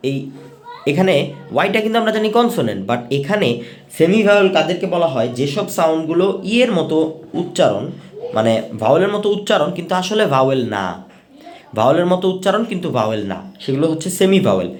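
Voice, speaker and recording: A man teaching an English pronunciation lesson, patiently repeating each rule step by step for his learners. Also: a little high. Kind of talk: explanatory lesson.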